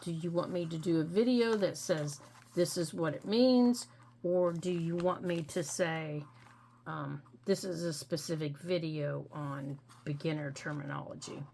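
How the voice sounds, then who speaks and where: A middle-aged woman hosting a crafting tutorial, explaining each step gently and patiently with frequent ums. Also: sits low, unhurried, creaky, slight background noise. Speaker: crafting channel host.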